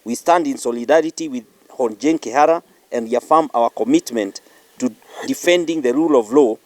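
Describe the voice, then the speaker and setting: A man's voice: mid-range voice, normal speed, no room sound. Kenyan man reading a firm formal statement, dry sound.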